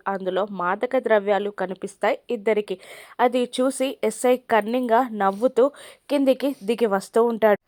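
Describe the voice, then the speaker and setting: A woman narrating a TV serial episode recap in a steady storytelling manner. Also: on the high side, dry recording, studio quality. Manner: steady storytelling, reads dialogue aloud.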